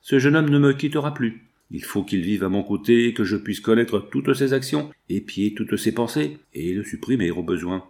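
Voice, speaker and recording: Un homme lisant à voix haute et prêtant sa voix à un millionnaire âgé, père inquiet qui cache un crime. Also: male voice, medium pitch, expressive, normal speed, vocal fry, few pauses, darkish tone. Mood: sombre. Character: homme riche âgé, père coupable et rongé de peur.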